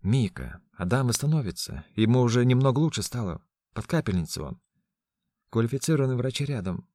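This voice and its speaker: A man voicing a calm, caring young doctor who speaks soothingly. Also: mid-range voice, fairly quick, no room sound, clean studio sound, voice pushed up.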